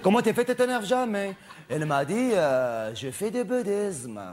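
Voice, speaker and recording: A man's voice: sits high, very animated, moderate pace, very noisy. A man performing a stand-up monologue as a vain, chatty, flamboyant male cabaret performer who snaps at hecklers. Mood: gossipy. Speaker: comedian.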